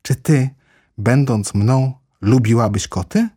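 A man voicing a touchy little mouse, shrill and indignant, in a storybook reading. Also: slow pace, mellow, husky, no echo, clean studio sound. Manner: indignant, scornful.

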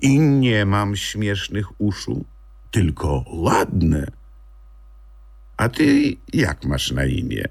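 A man voicing a small, dignified young male basset puppy in a children's audiobook, earnest and a bit touchy. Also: huge pitch swings, drawn-out words, breathy edge, full character voice. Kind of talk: audiobook character voice.

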